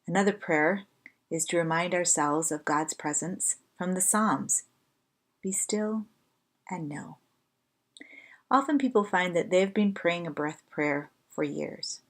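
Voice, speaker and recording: A woman leading a guided devotional on slow breath prayer, speaking in a gentle, measured way with phrases that soften into breath. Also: fairly low pitch. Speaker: prayer leader.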